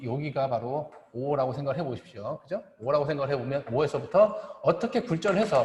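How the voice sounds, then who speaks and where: A middle-aged male professor lecturing at a board. He pauses often, repeats phrases and keeps checking that the class is following. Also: medium pitch, darkish tone. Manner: halting, repeats phrases, asks "그죠?" for agreement. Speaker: optometry professor. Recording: echoey classroom with long reverb.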